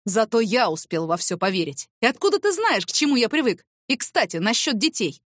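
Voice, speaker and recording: A woman's voice: on the high side, big pitch swings, a little fast, no echo, clean studio sound. A woman voicing an angry, domineering male boss who barks accusations and sneers sarcastically.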